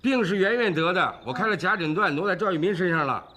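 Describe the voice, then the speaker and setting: An actor playing a sheepish, defensive son who faked a diagnosis. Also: male voice, sits high, lively intonation, fast talker, sharp tone, full character voice.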